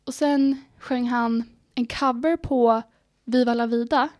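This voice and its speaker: A teenage girl co-hosting a podcast in casual chat, telling stories excitedly and acting out her own reactions. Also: on the high side, dry recording, studio quality. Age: teens. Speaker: podcast co-host.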